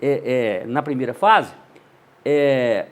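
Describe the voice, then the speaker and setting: A man's voice: medium pitch, slow pace. An older man from Minas Gerais, with its regional accent, telling stories from his radio career in a casual interview and acting out the dialogue. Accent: Minas Gerais Brazilian Portuguese. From Montes Claros, Minas Gerais, Brazil. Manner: animated, acts out dialogue in voices. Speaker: journalist and radio narrator, guest.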